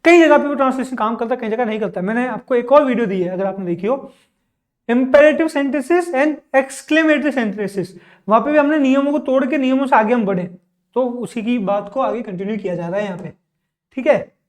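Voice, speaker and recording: Slow-reading man teaching spoken English. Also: very high-pitched. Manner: asks the class questions and answers them himself; reads English example sentences slowly and deliberately. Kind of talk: online language lesson.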